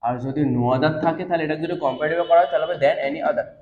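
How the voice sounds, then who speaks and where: A man's voice: fairly high pitch, fast. A young man with a Bangladeshi Bengali accent teaching a grammar lesson at a board, explaining step by step and asking his students rhetorical questions. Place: classroom with a board. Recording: echoey, dull classroom recording.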